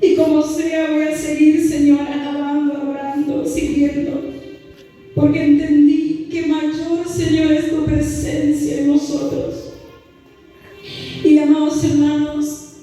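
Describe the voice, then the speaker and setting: A woman's voice: high-pitched, little pitch movement, slow, dark tone. A woman giving a fervent testimony to a church congregation, often calling them beloved brothers and sliding into a sung cadence. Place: church hall. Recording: far-off mic in an echoey hall with music.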